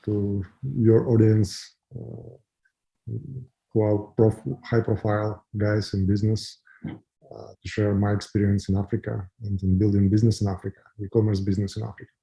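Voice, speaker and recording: A man from Ukraine with a Ukrainian accent, answering interview questions in halting, filler-heavy English. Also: fairly low pitch, little pitch movement, vocal fry, mellow, low-quality recording. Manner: halting, many fillers and restarts. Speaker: guest, company founder.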